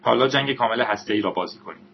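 A man's voice: medium pitch, creaky, husky, dull audio. A man doing a mischievous young hacker. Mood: playful. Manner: teasing, excited.

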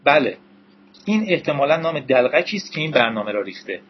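A man's voice: medium pitch, sing-song, slightly rough, muffled recording. A man voicing a brash, suspicious young male computer whiz who makes blunt, scornful remarks, in an audiobook reading. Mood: impatient.

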